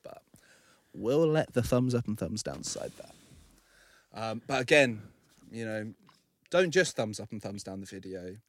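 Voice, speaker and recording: Lively, jokey male podcast co-host. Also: on the low side, measured pace, pauses often, no echo, studio quality. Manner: playful, jokey, lively delivery. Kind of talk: casual chat.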